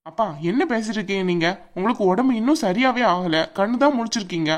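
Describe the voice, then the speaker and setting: A woman's voice: medium pitch, lightly acted. A woman voicing a caring young adult son who firmly reassures his sick father. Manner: quick, firm and reassuring.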